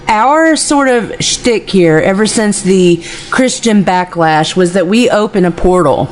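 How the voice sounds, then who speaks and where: A woman co-hosting a radio show, chatty and gushing, swearing freely and apologizing for her hiccups. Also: a little high. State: has the hiccups. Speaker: radio co-host and festival organizer. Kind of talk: casual chat, heavy swearing.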